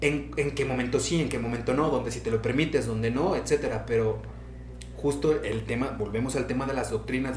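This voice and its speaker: A man's voice: medium pitch, roomy sound, a little hiss or hum. A young adult man with a Mexican Spanish accent hosting a casual interview chat, swearing freely and acting out his own inner voice. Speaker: podcast host.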